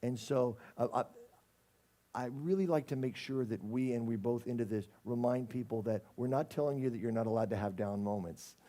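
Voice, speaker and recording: A man's voice: mid-range voice, a little fast, warm tone. A man giving a casual sermon as a spiritual community minister, folksy and conversational with plenty of jokes.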